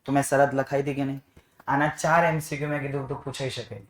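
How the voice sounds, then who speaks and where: A man's voice: mid-range voice, little pitch movement, fast talker, echoey room. A man teaching math to a class, coaxing students with repeated questions. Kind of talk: classroom lesson.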